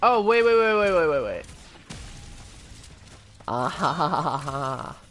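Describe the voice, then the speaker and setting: Slow, rambling gaming streamer. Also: mid-range voice, big pitch swings, a bit bright. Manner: rambling, chatty, trails into tangents and restarts. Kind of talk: casual live-stream commentary.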